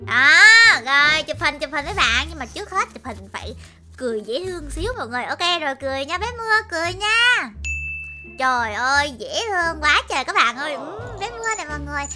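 High, lively young woman gamer. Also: fast talker. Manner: exclamatory, stammering repeats. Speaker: gaming YouTuber. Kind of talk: excited let's-play narration. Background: game music.

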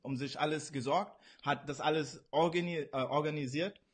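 A man in his twenties from Pakistan, answering interview questions over a video call in an earnest, halting way. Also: fairly high pitch, fairly even intonation, husky. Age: 20s. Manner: earnest, halting, frequent fillers. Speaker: interview guest, kickboxer. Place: indoor room, video call.

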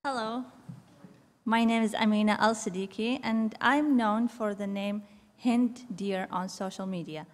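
Young woman from Iraq, measured and halting at a podium mic, long room reverb. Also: mid-range voice. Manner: measured, with frequent ums and uhs. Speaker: public commenter. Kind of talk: prepared public statement. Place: large city council chamber. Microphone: fixed podium microphone.

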